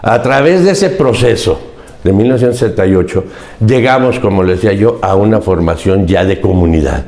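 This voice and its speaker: Speaking briskly with lively intonation, this man has a fairly low, darkish voice, recorded with a roomy quality. He is a Mexican podcast guest in his 70s, reflecting on his life in an interview with earnest emphasis and frequent repetition of key phrases.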